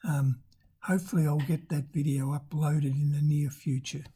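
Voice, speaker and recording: A travel vlogger of ambiguous-sounding sex narrating off the cuff, hesitantly, in a thin, squeaky voice roughened by damaged vocal cords. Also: fairly even intonation, normal speed, mellow.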